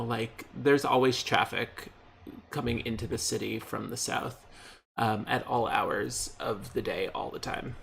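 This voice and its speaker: A man's voice: mid-range voice, creaky, fairly bright tone, breathy edge. A man co-hosting a podcast, chatting casually in a rambling, playful way. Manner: rambling, playful, jokes with mock accents. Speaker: podcast co-host. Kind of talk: casual chat. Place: lives in the Boston area.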